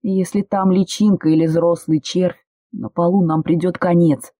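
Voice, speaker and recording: A reader voicing a frightened, stubborn young woman medic in shrill, excited outbursts. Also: normal speed, no room sound, clean studio sound, close to an everyday voice. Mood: pleading. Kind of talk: audiobook character voice.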